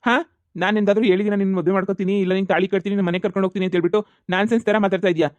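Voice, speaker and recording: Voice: medium pitch, fairly even intonation, racing, no echo, lo-fi sound, close to an everyday voice. A voice actor playing an exasperated man who refuses a marriage, in a cartoon comedy. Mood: irritated scolding.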